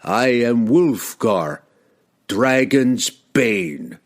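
A man voicing a proud young male barbarian warrior, slow and booming as he proclaims. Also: lively intonation.

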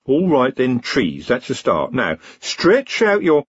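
A man's voice: mid-range voice, huge pitch swings, takes it slowly, breathy edge, no echo, voice pushed up, heavily acted. A man voicing a nervous, chatty wizard. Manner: chatty, evasive and wryly anxious. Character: nervous, wry male wizard. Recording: slightly dull, muffled recording.

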